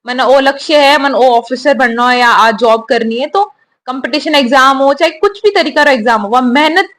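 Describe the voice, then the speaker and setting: A young woman, a new army officer, giving steady, earnest answers in an interview. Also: sits high, brisk. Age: young adult.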